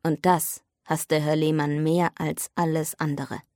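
A woman's voice: sits low, flat delivery, unhurried, a little mellow, dry recording, studio quality. A woman narrating a novel as an audiobook in a subdued tone.

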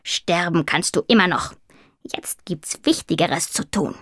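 Woman doing croaky sarcastic raven. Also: lowish voice, unhurried, a bit bright, no echo, in a whisper, studio quality. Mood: gruff. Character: dry, grumpy know-it-all male raven. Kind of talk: audiobook character voice.

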